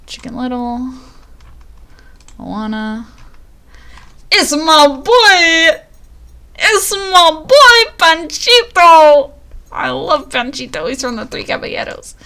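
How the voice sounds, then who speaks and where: A woman talks casually to her viewers on a live stream. Her pitch sits in a middle range. She rambles and often pokes fun at herself. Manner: chatty, self-deprecating, rambling.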